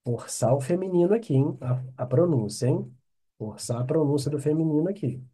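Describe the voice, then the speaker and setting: A man's voice: on the high side, expressive, mellow, slightly rough. Patient Brazilian man teaching French. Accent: Brazilian Portuguese. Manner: patient, drills phrases slowly with frequent "ok?" checks. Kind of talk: online language lesson.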